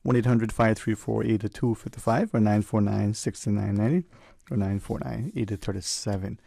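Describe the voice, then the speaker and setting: Creaky-voiced male talk radio host. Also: lowish voice, fairly even intonation, moderate pace, warm tone, no room sound, clean studio sound. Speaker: radio call-in show host. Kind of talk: conversational talk radio hosting.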